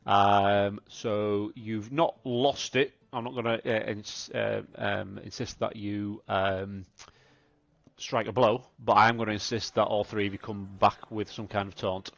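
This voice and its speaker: Gravelly male game master. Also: on the low side, level tone, no room sound. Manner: halting, many fillers. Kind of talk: running a tabletop game online. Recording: dull lo-fi mic.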